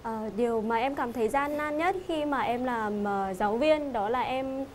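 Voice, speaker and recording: High-pitched young woman, polite contestant. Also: moderate pace, darkish tone, a little hiss or hum. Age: young adult. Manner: polite, deferential. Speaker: game show contestant, a teacher. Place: TV studio stage.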